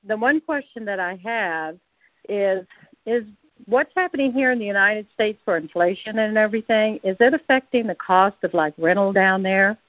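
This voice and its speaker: A woman's voice: mid-range voice, animated, normal speed, dry recording. A woman phoning in to a radio show, asking questions hesitantly and repeating words. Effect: caller heard over a phone line. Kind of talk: casual phone-in questions. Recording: dull lo-fi phone line, dry.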